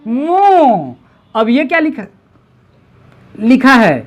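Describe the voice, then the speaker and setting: Woman tutor, slightly high, very animated intonation, patient, drills syllables slowly. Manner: patient, repeats syllables slowly, coaxing and encouraging. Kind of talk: one-on-one reading lesson.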